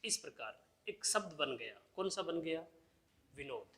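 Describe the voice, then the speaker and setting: A man's voice: fairly high pitch, expressive, normal speed, a bit bright. A male teacher giving an exam-prep grammar lesson, who asks the class questions and answers them himself, repeating the key terms. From India.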